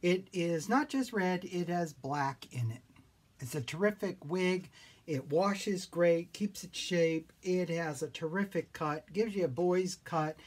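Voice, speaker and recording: A clown giving an informal, playful and theatrical demonstration in a silly, whimsical, rambling way, with a husky voice and repeated phrases. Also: mid-range voice. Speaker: clown teaching wig and costume styling.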